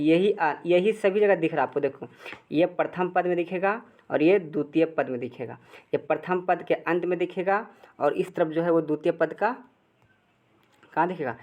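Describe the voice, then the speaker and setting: Male tutor, Bihari Hindi accent, classroom explainer who quizzes and answers himself. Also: fairly high pitch. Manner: repetitive call-and-answer questioning. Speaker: teacher. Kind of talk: blackboard grammar lesson.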